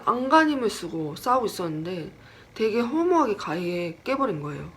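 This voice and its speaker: A woman's voice: medium pitch, moderate pace, slight background noise. A woman casually telling a personal horror story, chatty and self-deprecating, acting out the voices in what she retells. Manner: lively, acts out quoted lines.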